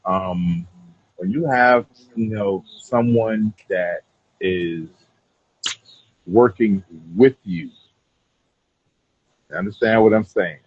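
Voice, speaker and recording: A man's voice: fairly low pitch, very slow, long pauses, muffled recording, slight background noise. A man talking casually as an interview guest, rambling and often checking in with the listener. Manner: rambling, repeats "you know what I'm saying". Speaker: cigar brand owner being interviewed.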